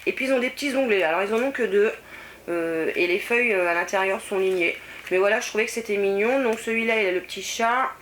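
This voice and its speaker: A woman's voice: medium pitch, fast, a bit bright, slight background noise. A middle-aged French woman chatting casually through a shopping haul, with many hesitations and fillers. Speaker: vlogger. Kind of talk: casual haul video chat.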